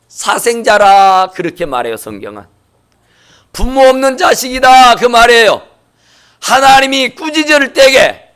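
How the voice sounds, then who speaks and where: A male pastor delivering a Sunday sermon, impassioned, rising to shouts and dropping low at the ends of phrases. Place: church sanctuary.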